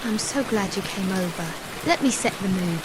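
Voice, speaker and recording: A woman playing a tender, doting partner in a soft ASMR role-play, speaking in a soothing, intimate, hypnotic manner. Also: medium pitch, lively intonation, normal speed, very noisy. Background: rain.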